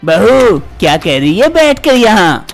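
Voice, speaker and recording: A cranky old mother-in-law from a cartoon story scolds her daughter-in-law in a high, sharp voice, as a man puts her on. She waves every worry away and nags without pause. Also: sing-song, creaky, faint music behind, exaggerated voice. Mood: scolding. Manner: scolding, dismissive.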